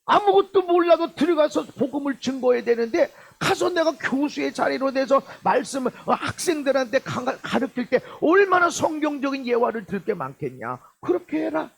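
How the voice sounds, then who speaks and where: A middle-aged male pastor preaching a sermon, swinging from loud exhortation to low muttered asides and acting out the people he quotes. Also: very animated, fairly quick, vocal fry, hardly any pauses.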